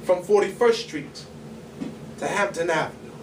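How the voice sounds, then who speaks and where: A man's voice: high-pitched, normal speed, very noisy. A young man performing a rhythmic, emphatic spoken word poem on a small bar stage, caught on a stand mic by a distant camera. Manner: rhythmic, emphatic delivery with big arm gestures. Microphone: stand mic, far camera. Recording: roomy echo from far off.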